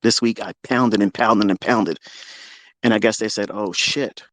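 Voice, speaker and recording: A man ranting as a trading mentor on a live audio call, boastful and full of swearing, taunting his challengers and swinging between loud jabs and low asides. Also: steady tone, moderate pace, dry recording. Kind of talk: combative live-audio rant.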